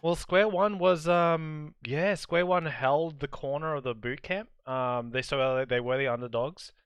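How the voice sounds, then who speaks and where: A man co-casting a tournament, explaining matches in a halting way, his voice wearing out. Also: a little high, clean tone, no room sound. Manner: halting, full of ums and restarts. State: losing his voice. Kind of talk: casual esports commentary.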